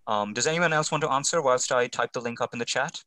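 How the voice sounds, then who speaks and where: A man's voice: medium pitch, quick pace, pushed and bright, no room sound, low-quality recording. A man speaking on an online panel, explaining step by step with frequent ums. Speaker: panel speaker on game mastering. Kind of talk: casual explanatory panel talk.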